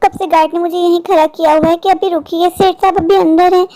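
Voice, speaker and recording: A woman's voice: extremely high pitch, flat delivery, quick pace, mellow. A woman voicing a poor young woman in a cartoon, a worried older sister who pleads in a worn-down, sorrowful way. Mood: pleading. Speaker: cartoon character. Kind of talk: Hindi cartoon voice acting.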